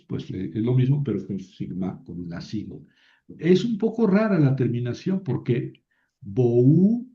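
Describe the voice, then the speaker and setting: A man gives a slow, deliberate grammar lecture, pausing on fillers and asking his students to confirm each step. His voice sits at a middle pitch. The recording is somewhat muffled and lo-fi. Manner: patient, halting explanation with many fillers and tag questions. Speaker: teacher. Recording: slightly dull, lo-fi sound.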